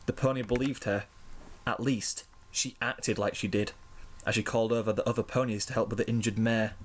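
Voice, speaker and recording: A man reading a fan-written story aloud in slow, measured narration. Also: lowish voice, steady tone. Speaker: fanfiction reader.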